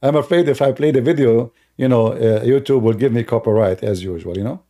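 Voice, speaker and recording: Talking briskly in a mellow, medium-pitched voice, a native Arabic-speaking man comments casually over an on-screen video. His storytelling is loose and chatty, marked by non-native grammar and many fillers.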